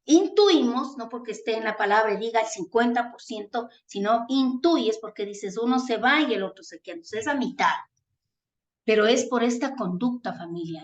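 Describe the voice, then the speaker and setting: A woman from Ecuador preaching a sermon, earnest and tender, calling her listeners family. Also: a little high. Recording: echoey room.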